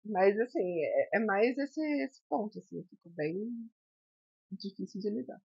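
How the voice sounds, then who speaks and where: A woman's voice: medium pitch, expressive, a little slow, creaky, darkish tone, breathy edge, no echo, highs cut off. Reflective woman co-host, casual chat. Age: 30s. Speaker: podcast co-host.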